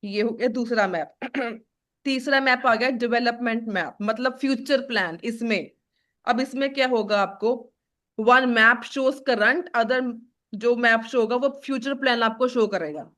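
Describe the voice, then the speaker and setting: A woman's voice: fairly high pitch, normal speed, fairly bright tone. A woman teaching an exam-prep lesson, switching between Hindi and English and quizzing her student. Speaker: IELTS teacher. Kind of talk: live classroom lesson.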